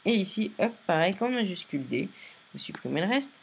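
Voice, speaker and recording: A tired man casually narrating a software tutorial, giving step-by-step instructions with many fillers and restarts. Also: high voice, big pitch swings, a little fast, gravelly, husky. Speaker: video editing tutorial maker.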